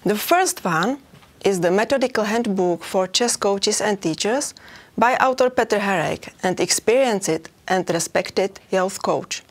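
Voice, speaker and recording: Presenter: woman from the Czech Republic, mid-pitched, steady scripted delivery. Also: unhurried. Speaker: chess federation presenter. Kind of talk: prepared conference presentation.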